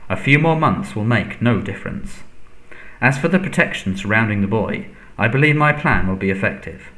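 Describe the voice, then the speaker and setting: A man voicing a frail, menacing dark lord in a storybook, soft, breathy and hissing, commanding and contemptuous. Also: fairly low pitch, animated, moderate pace. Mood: menacing, resolute.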